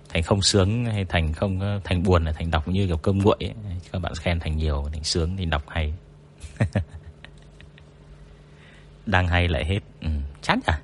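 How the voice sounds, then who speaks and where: A man with a deep, low voice talks casually to his livestream audience. He reads viewer comments aloud and jokes about himself. A faint hum sits under the recording. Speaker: livestream story narrator.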